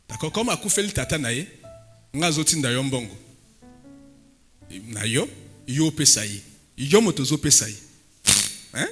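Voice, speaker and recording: A man preaching a sermon as pastor, breaking into sudden loud emphatic bursts and dropping in Lingala phrases. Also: medium pitch.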